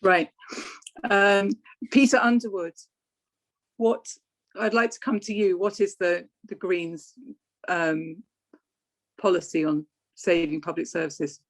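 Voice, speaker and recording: A woman's voice: fairly low pitch, fairly even intonation, slow pace, pauses often. A woman hosting a local candidates' debate, asking questions with many hesitant fillers. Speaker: debate host.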